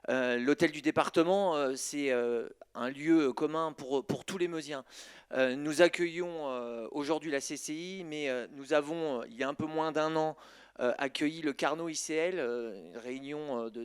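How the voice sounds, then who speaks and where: A man who presides over a departmental council, giving a formal address at an event, slow and measured with frequent fillers. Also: on the high side, smooth.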